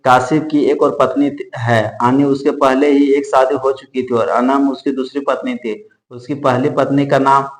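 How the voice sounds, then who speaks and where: A man's voice: medium pitch, level tone, normal speed, few pauses. A man narrating a true-crime case in an unscripted way, often restarting and correcting himself mid-sentence. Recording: echoey room.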